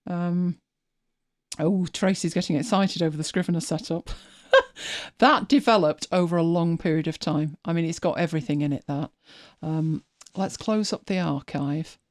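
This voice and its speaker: On a clean studio recording with no room sound, a woman with a lowish, slightly mellow voice talks at a moderate pace. Hosting a live stream, she casually guides viewers through her screen, thinking out loud and frequently restarting sentences.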